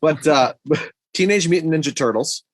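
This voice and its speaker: A man co-hosting a podcast chats casually and shares his opinions on films. His voice is a little high, at a moderate pace, with no echo.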